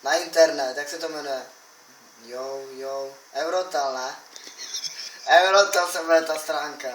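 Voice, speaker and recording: A young man rambles boastfully to the camera, brash, crude and taunting. His voice is fairly high and a bit bright with fairly even intonation, recorded in an echoey room with the mic at a distance and a faint hiss.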